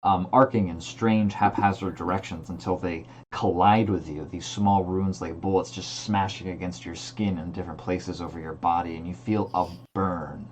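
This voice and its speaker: A man's voice: low-pitched, fairly even intonation, normal speed, few pauses, a little hiss or hum. A man working as game master, narrating a fantasy tabletop game in an improvised, descriptive way.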